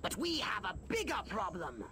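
An actor voicing a small, bossy alien commander in a video game, giving clipped, commanding orders in a gravelly voice. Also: male voice, high voice, huge pitch swings, normal speed, sharp tone, slight background noise, heavily acted. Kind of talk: video game cutscene acting.

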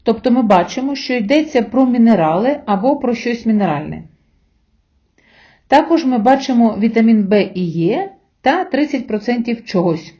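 A woman teacher talks learners through a recorded language lesson, slow and patient, pausing so they can repeat after her. Her voice sits a little high with a mellow, soft-edged tone. The recording is dull and lo-fi. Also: lively intonation. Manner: slow, patient explaining with pauses for repetition. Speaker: Spanish teacher.

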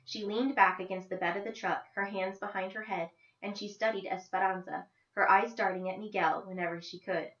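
A woman teacher reading a novel aloud to her class and pausing to explain it in a conversational way, with fillers. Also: medium pitch, steady tone, fairly bright tone, roomy sound, dull audio.

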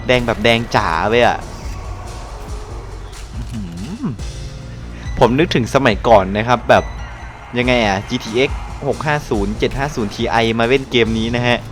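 A young man from Thailand giving casual live commentary over his gameplay, excitable and loose, swearing and exclaiming at the action. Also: mid-range voice, normal speed, pauses often, faint music behind. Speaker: gaming channel host.

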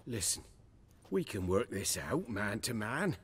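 A coarse, surly village arsonist. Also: male voice, on the low side, very animated, measured pace, husky, heavily acted. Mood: wheedling. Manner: coarse, scornful, turns to wheedling. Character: surly drunken village arsonist, young man. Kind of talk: video game voice acting.

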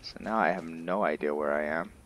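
Over game music, a gaming video host muses and thinks aloud as he plays, offering casual roleplay commentary. He has a bass voice with a fairly bright tone and a brisk pace.

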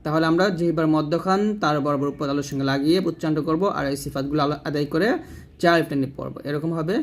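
A man giving a recitation lesson, explaining and demonstrating each letter sound slowly, and asking viewers to repeat after him. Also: on the high side, steady tone. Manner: addresses viewers directly. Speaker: Quran recitation teacher. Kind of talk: tajweed lesson.

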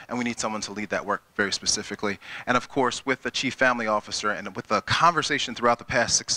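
Man, Midwestern American accent, district leader at a town hall, very bright forceful tone, dry close sound, handheld mic, loose talk with many fillers. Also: medium pitch. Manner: conversational, many filler words and restarts. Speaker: school district chief executive. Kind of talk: presenting at a town hall meeting. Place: school auditorium with a seated audience. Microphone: handheld microphone.

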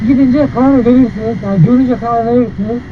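A man with a very high-pitched voice chats as he rides a motorcycle. He rambles and repeats himself in loose, colloquial speech. The sound is muffled inside his helmet, with very loud engine and road noise around him. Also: quick pace. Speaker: motovlogger. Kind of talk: casual chat while riding a motorcycle.

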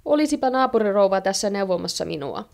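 A woman voicing a hot-tempered housewife who scolds her husband loudly in a storybook reading. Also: mid-range voice, lively intonation, creaky, pitched above the performer's own voice. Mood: scolding. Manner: loud scolding.

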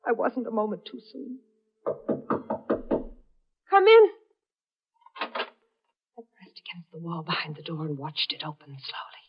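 A woman's voice: fairly low pitch, wildly swooping pitch, measured pace, long pauses, slightly rough, exaggerated voice. An actress playing a hunted, desperate woman who narrates her own story in a 1940s radio drama, heard through an old AM radio broadcast. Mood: tense. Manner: tense first-person storytelling. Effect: old AM radio broadcast sound. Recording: muffled 1940s AM radio broadcast with faint music.

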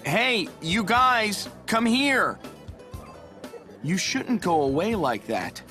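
A man voicing a responsible group leader in a scripted textbook dialogue, speaking slowly and clearly. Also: sits high, sing-song, bright, forceful tone, faint music behind, full character voice. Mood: warning. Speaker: recorded dialogue voice.

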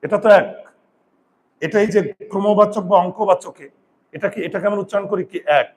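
A male grammar teacher giving a lesson, repeating key terms slowly, counting aloud and telling students to write things down. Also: sits high. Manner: counts aloud and asks rhetorical check questions. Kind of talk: classroom-style grammar lesson.

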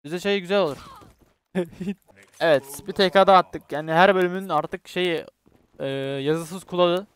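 Excitable and foul-mouthed, a young Turkish gaming YouTuber jokes with teammates as he commentates his shooter match and urges viewers to subscribe. He speaks at normal speed in a high, clear, resonant voice.

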